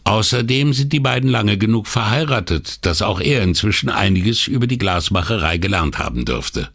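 A man reading a polite, measured police detective. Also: on the low side, lively intonation, fairly bright tone. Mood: questioning. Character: calm, courteous middle-aged police detective.

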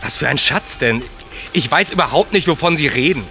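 An actor playing an evasive, defensive suspect in an audio drama. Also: male voice, fairly high pitch, lively intonation, a little fast, bright, forceful tone, faint music behind. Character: evasive, defensive adult suspect under questioning. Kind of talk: German audio drama acting.

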